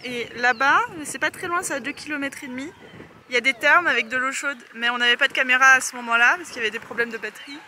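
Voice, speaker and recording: Woman travel vlogger, high voice, chatty and excitable, recorded outdoors in strong wind. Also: fast talker. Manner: chatty, slangy and enthusiastic. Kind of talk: casual travel vlog narration. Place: outdoors in windy high desert. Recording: heavy wind noise on the mic.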